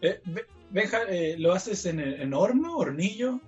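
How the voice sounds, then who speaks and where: A man's voice: sits high, big pitch swings, measured pace, darkish tone, soft background music. A Chilean man co-hosting a podcast, asking teasing, playful questions in casual chat, on a dull lo-fi recording. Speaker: podcast co-host.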